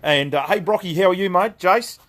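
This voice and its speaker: A man's voice: high-pitched, brisk, fairly bright tone. A man with an Australian accent hosting a casual live stream from his shop, greeting viewers by name and rambling through new stock with fillers and jokes.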